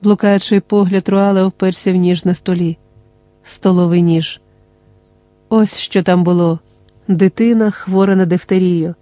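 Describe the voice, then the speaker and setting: An audiobook narrator reading a dramatic novel in a measured, dramatic way. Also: mid-range voice, steady tone, mellow, dry recording.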